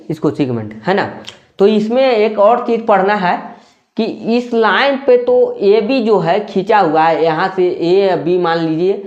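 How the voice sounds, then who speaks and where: Maths teacher, mid-pitched, repetitive and patient, keeps asking the class questions; slightly muffled lo-fi sound. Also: darkish tone. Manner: repeats key terms and asks rhetorical questions; checks in with tag questions. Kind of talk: classroom-style explanation.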